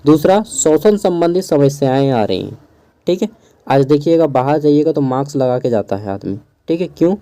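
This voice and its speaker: A young man teaching an exam-answer lesson in a casual, chatty way, keeping his voice low in a small room at home and adding asides. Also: lively intonation, normal speed, warm tone. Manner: chatty, digresses with asides and chuckles; keeps his voice down so neighbours won't hear. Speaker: teacher going over an exam paper.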